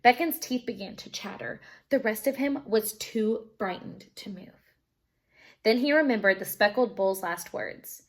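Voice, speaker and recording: In an expressive narrating style, a woman teacher reads a children's storybook aloud. Her voice sits in the mid-range and she takes her time.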